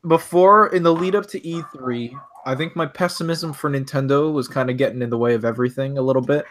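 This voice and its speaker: A man co-hosting a gaming podcast in casual chat, talking excitedly and restarting his sentences when hyped. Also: medium pitch, fast, slight background noise. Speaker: podcast co-host.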